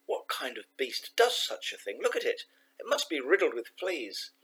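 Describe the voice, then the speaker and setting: A panicky, fussy mother, as a male reader puts her on, her voice climbing high and shrill with alarm. The tone is a little husky and breathy. It is a dramatized storybook reading. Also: very animated, normal speed, fairly bright tone. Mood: disgusted. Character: panicky fussy mother, middle-aged woman.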